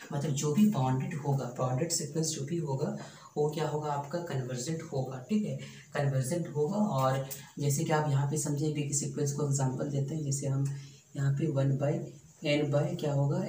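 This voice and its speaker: A man's voice: fairly high pitch, warm tone. A man teaching a math lesson, mixing Hindi with English terms, repeating phrases and asking rhetorical questions. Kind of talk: classroom math lecture. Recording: roomy sound from far off with faint noise.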